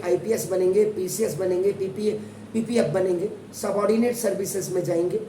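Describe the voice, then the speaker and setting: A man's voice: high voice, a little mellow, a little hiss or hum. A man teaching a maths class in India, lecturing and moralizing in a preachy way with sarcastic asides. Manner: preachy, switching between English and Hindi, sarcastic asides. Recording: echoey room, mic far off.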